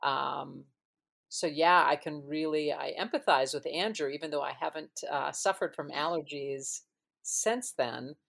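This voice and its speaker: A woman's voice: sits low, measured pace, vocal fry, a bit bright. A woman from Minnesota hosting a casual podcast, chatty and rambling, laughing easily. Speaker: podcast host. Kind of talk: casual chat.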